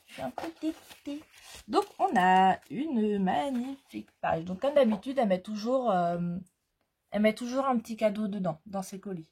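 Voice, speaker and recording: A woman's voice: mid-range voice, animated, normal speed, a little mellow, husky. A woman scrapbooking vlogger chatting casually through a product haul, hesitant with frequent fillers.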